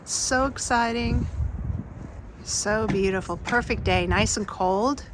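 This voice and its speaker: A woman's voice: medium pitch, slow pace. A woman vlogging her hike, chatting casually on a mountain trail and laughing often as she talks to a handheld camera. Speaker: hiking vlogger. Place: outdoors on a windy mountain trail. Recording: wind and outdoor noise.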